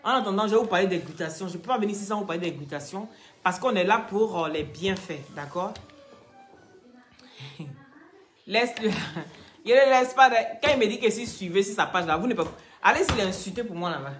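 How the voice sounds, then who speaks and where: A woman's voice: mid-range voice, expressive, fairly quick, soft background music. Chatty woman selling on a live stream. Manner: teasing and scolding, chatty, addresses viewers directly. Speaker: live-stream product seller. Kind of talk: casual live-stream chat and sales pitch.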